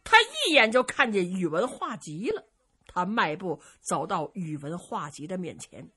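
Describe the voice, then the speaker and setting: A woman with a Beijing accent performing traditional storytelling, her voice bright with a husky edge. Her delivery is lively and her pitch moves a great deal as she switches between characters. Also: measured pace. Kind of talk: traditional Chinese pingshu storytelling.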